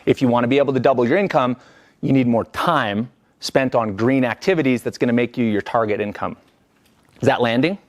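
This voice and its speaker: A man's voice: medium pitch, brisk, highs cut off. A man leading a live business coaching workshop, talking energetically and conversationally and checking in with the group.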